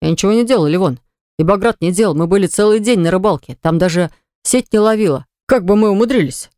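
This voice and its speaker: A jittery younger brother , voiced by a woman, rattles off his pleas in a hurry. The reading is clean, with a smooth tone and no echo. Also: low-pitched, studio quality, natural voice. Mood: anxious. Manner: hurried, pleading, trying to calm others. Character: younger brother, anxious peacemaker, talks fast.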